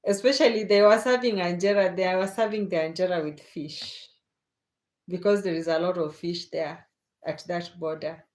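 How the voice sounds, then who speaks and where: A Kenyan woman hosts a casual late-night livestream, reading viewer comments, chatting unhurriedly and laughing often. Her voice is on the low side, with a darkish tone, fairly even intonation and a moderate pace.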